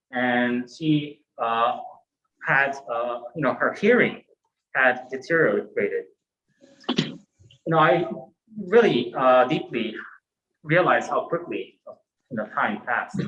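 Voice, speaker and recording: A man, a Buddhist minister giving a gentle, reflective dharma talk in a temple hall. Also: on the high side, highs cut off. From Japan. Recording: roomy temple hall echo.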